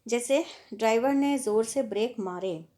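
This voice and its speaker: A woman's voice: fairly high pitch, a little slow, mellow. A woman teacher explaining a textbook lesson patiently, stopping to work through examples. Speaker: Hindi teacher.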